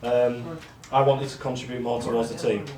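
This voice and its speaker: Monotone man giving a rambling speech. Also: medium pitch, moderate pace. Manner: self-deprecating, rambling with ums. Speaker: award speech giver among friends. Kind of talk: casual speech read to friends. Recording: echoey room with faint noise.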